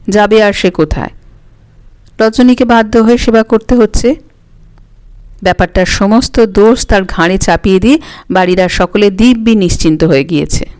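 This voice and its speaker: Calm woman narrating a story. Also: medium pitch, no echo, clean studio sound. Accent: Bengali.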